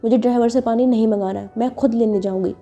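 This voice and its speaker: A woman's voice: a little high, steady tone, fast talker, mellow, muffled recording, soft background music. A woman doing a stubborn, angry young woman. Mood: defiant. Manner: defiant, demanding.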